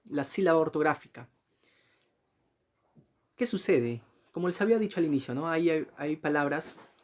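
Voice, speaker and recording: A man giving a recorded slide lecture, often correcting himself, asking short checking questions and spelling out examples slowly. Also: on the high side, slight background noise. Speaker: teacher.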